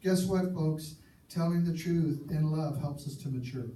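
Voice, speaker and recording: A man's voice: a little high, measured pace, warm tone, slight background noise. A male pastor preaching a sermon in an earnest, emphatic way, repeating key phrases for effect. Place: church sanctuary. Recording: echoey church recording from far off.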